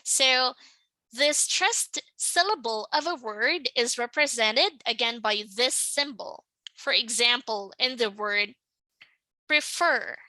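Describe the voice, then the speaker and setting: A woman teaching English pronunciation in a slow, patient lesson, often checking in with the listener. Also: on the high side, bright, forceful tone, no echo, poor audio. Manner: patient, checks in with "right?" and "okay?".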